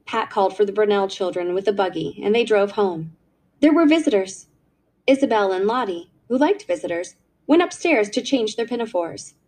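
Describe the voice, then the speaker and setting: A woman narrating a classic short story aloud in a scripted, expressive storytelling reading. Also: on the high side.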